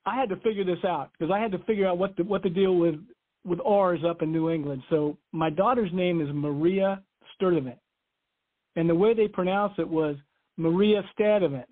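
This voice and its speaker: A man's voice: sits high, fairly quick. A man from Ohio, a guest author, talking casually and enthusiastically in a radio interview. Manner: enthusiastic, casual, laughs often. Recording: tinny phone-line audio.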